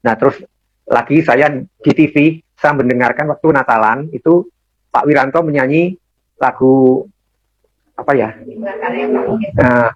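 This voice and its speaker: A man's voice: mid-range voice, slow pace, pauses often, no echo. An older man giving a personal testimony in a rambling, repetitive way, with many fillers. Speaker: testimony speaker. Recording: dull, dry lo-fi recording.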